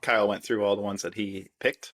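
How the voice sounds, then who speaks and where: A man's voice: on the low side, level tone, a little fast, a bit bright. A man co-hosting a podcast in casual chat, rambling with repeated restarts and swearing. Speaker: podcast co-host.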